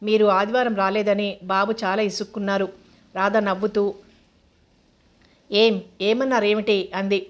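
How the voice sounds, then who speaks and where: A woman reading a novel aloud as narrator, voicing every character in her own even tone. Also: mid-range voice, unhurried, pauses often. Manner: flat even reading, voices all characters plainly.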